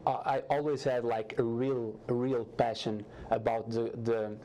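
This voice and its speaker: A young man from Portugal with a Portuguese accent, answering as a guest in a TV studio interview, halting with frequent restarts. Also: mid-range voice, little pitch movement, mellow, slight background noise. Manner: halting, many restarts and fillers, earnest. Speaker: guest, startup founder.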